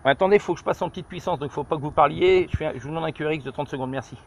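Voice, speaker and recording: His voice is fairly high and creaky, racing through informal radio calls as he hesitates and repeats himself. He is a middle-aged amateur radio operator field-testing a handset on a high viewpoint over countryside. The phone camera held just behind his shoulder yields noisy outdoor audio with clicks.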